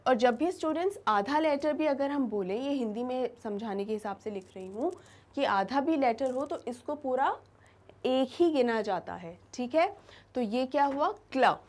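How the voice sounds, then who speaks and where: A woman teaching an English lesson to students, explaining in Hindi mixed with English, slowing down and repeating example words for emphasis. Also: sits high, animated, darkish tone. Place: classroom-style studio lesson.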